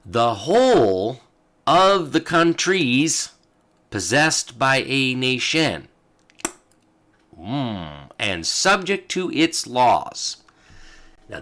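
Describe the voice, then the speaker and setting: A man's voice: medium pitch, very animated, slow pace, a bit bright. A man hosting a show, reading old legal texts aloud and explaining them with fillers and asides. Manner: talks as he reads, with fillers and asides. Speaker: host.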